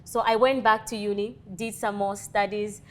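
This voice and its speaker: A Zambian woman in her thirties speaks as an interview guest and leadership coach, with earnest, motivational conviction. Her voice is medium-pitched and level, at normal speed.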